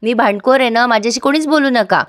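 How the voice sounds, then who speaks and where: A sulking older wife who snaps back in a huffy way, read out by a woman. The voice is fairly high, dry and close. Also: fast, a bit bright, no echo, lightly acted. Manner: huffy, snapping.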